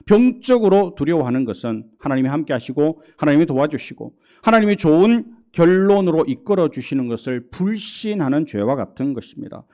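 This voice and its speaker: A middle-aged man with a Gyeongsang accent preaches in a church sanctuary. His voice sits a little high for a man and moves a lot, rising and falling. He speaks to the congregation in a conversational way. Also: dark tone, muffled recording. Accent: Gyeongsang Korean. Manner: conversational preaching, acts out God's reassuring voice. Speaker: pastor. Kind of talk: sermon.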